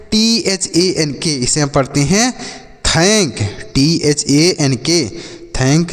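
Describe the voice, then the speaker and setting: A man teaching beginners English, spelling words out letter by letter and patiently repeating each meaning, calling his viewers children. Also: a little high. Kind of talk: spoken English lesson for beginners. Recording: long hall reverb.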